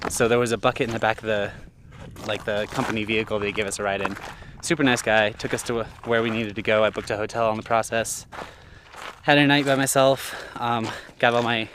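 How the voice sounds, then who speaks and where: A man's voice: lowish voice, steady tone, brisk, a bit bright, a little hiss or hum. A man talking casually to the camera while hiking a trail at dusk, rambling with lots of fillers and frequent chuckles. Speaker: thru-hiker vlogger.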